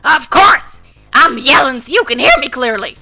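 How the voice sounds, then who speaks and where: A woman voicing a hot-tempered, foul-mouthed old grandmother who scolds loudly, in an amateur visual novel voice-over. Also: a little high, animated, normal speed, faint music behind. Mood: furious. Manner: loud, shouting, gruff scolding.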